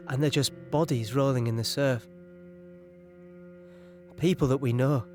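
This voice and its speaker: An actor as a shaken young soldier. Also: male voice, medium pitch, a little mellow, close to an everyday voice. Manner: halting, shaken, recalling horror in present tense. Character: young British soldier, wireless signaller, landing on a beach under fire. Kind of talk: audio drama monologue.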